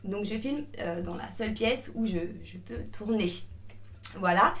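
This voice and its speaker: A young woman vlogs a make-up tutorial from a spare room at her grandmother's house. She talks in a relaxed, chatty way and keeps apologizing. Her speech is full of hesitant fillers and restarts. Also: mid-range voice, a little slow. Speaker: beauty vlogger. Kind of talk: casual make-up tutorial chat.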